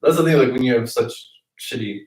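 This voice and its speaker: A man's voice: medium pitch, fairly quick, a little mellow. A young man co-hosting a casual podcast, rambling with lots of fillers. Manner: laid-back, rambling, heavy on fillers. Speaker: podcast co-host. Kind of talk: casual chat. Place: basement. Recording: roomy basement, mic at a distance.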